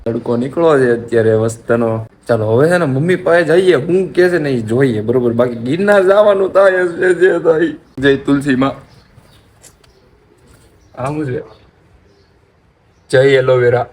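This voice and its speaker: A man's voice: mid-range voice, animated, unhurried, pauses often, a little mellow. A young man from Gujarat, chatting casually to viewers in a home vlog and pleading playfully with his mother. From Gujarat, India. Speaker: vlogger. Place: family home, rooftop.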